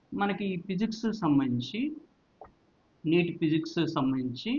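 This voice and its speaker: The recording is dull and lo-fi as a male physics teacher with a Telugu accent coaches students for exams in a high-side, slightly mellow voice. He blends Telugu with English and repeats key points, asking check questions.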